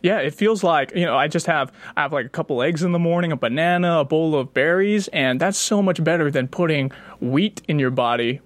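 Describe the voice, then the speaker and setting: A man's voice: a little high, dry recording. A man hosting an interview, eager and enthusiastic, often stumbling into his questions. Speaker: interviewer host. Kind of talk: casual interview chat.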